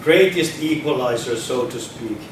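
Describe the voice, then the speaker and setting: Heard from across a large, heavily echoing hall, a Finnish man gives an informal talk at a public debate, hesitant and prone to repeating words and restarting sentences. His voice is mid-range and his pace moderate, with a steady noise underneath.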